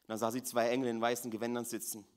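A man's voice: medium pitch, completely flat delivery, rapid-fire. A man preaching a sermon, dropping to near-whispers and rising to fervent, raised appeals, repeating key phrases for weight. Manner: dramatic swings between hushed and raised voice, repeats phrases.

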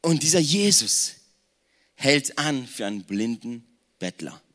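A man around forty preaching a lively sermon in a conversational tone, speaking straight to the congregation. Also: medium pitch, measured pace. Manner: conversational, addresses the congregation directly, mixes in English slang words. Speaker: pastor.

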